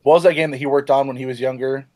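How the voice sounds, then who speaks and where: A man's voice: medium pitch, fairly even intonation, racing, darkish tone, dry recording. Male podcast host, loose and profane, dry close recording. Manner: swears often, loose and rambling. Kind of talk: casual gaming news chat.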